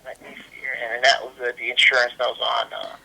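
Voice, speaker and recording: A man's customer service voice on a telephone call, very bright and forward with a gravelly rasp. He is polite and procedural, often repeating words haltingly as he works through an account. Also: medium pitch, completely flat delivery. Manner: halting, repetitive phrasing.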